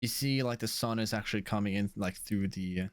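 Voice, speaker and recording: A man's voice: lowish voice, brisk, no room sound, studio quality. A man running a tabletop game as game master, narrating casually with lots of fillers.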